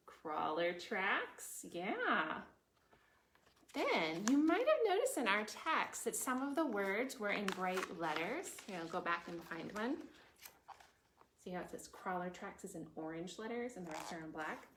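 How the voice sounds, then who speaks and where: Very animated yet measured in pace, a woman with a mid-range voice reads a story aloud to preschoolers and chats expressively, full of questions for her young audience and chatty explanations. Echo and background noise fill the recording space.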